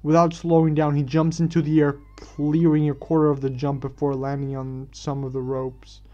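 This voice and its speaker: Male fan-story reader, casual and halting with self-corrections; mellow, slightly high voice. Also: little pitch movement. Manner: stumbling restarts and self-corrections. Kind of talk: reading a fan story aloud. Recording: dull lo-fi recording.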